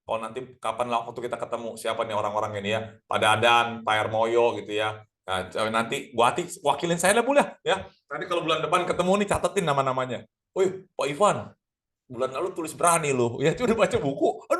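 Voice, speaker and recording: A middle-aged man teaching a lively online sales class, energetic and full of rhetorical questions aimed at his audience. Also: medium pitch. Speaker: sales trainer.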